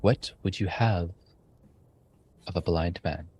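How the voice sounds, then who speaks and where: A man's voice: low-pitched, dark tone, slightly rough, dull audio, full character voice. A man doing a grave blind shaman. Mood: solemn. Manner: slow, grave, measured delivery.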